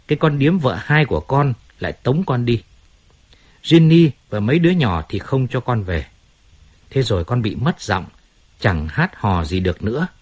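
A man voicing a washed-up male singer who complains bitterly and pleads for help, in a husky voice. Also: mid-range voice, darkish tone, lo-fi sound.

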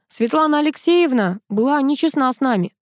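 A brisk, no-nonsense male investigator from an audiobook, read by a woman. His lines come quick and businesslike in her own fairly high, dry voice. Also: expressive, no room sound.

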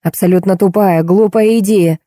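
A woman's voice: mid-range voice, fairly even intonation, moderate pace, warm tone, dry recording, studio quality, lightly acted. Woman reading as a grumpy, scornful man. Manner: grumbling, scornful outbursts. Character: irritable tipsy middle-aged man, grumbling.

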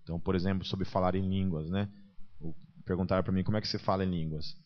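A man's voice: deep voice, steady tone, fast. A man with a Brazilian accent preaching a conversational sermon. He keeps checking in with his listeners and acts out the people he quotes. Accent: Brazilian Portuguese. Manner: chatty, tags nearly every sentence with a question, acts out quoted people. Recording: muffled event recording.

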